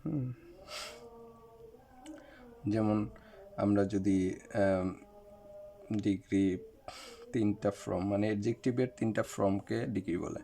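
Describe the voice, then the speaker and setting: A man's voice: on the low side, slow pace, vocal fry, pauses often, warm tone, slight background noise. A man teaching an English lesson, explaining step by step and speaking straight to his viewers. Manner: explanatory, with fillers, addresses viewers directly.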